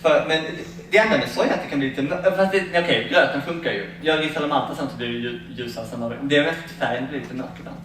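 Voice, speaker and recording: A man's voice: mid-range voice, hardly any pauses, fairly bright tone. A man telling funny stories to a fair audience in a chatty, laughing way, acting out quoted conversations. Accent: Swedish. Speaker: vegan cookbook author giving a talk. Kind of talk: casual storytelling talk at a fair. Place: large echoey fair hall. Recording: very echoey hall, distant mic, audible noise.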